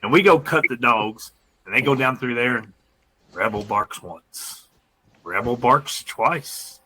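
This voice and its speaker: A man co-hosting a casual podcast, telling a story in an animated way with laughter. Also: medium pitch, slow, husky, low-quality recording. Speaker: podcast co-host.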